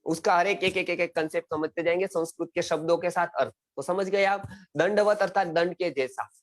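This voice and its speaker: A middle-aged Indian man with a high-pitched, slightly fast voice teaches an online Sanskrit class. He explains, repeats words, quizzes his students, and often asks "samajh gaye?" to check they're following.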